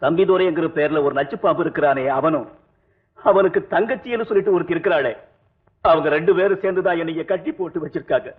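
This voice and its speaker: A man's voice: fairly high pitch, fast talker, close to an everyday voice. An actor playing a tied-up captive man pleading and telling his story in an old film. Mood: desperate. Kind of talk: 1980s film dialogue. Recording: tinny old soundtrack with music.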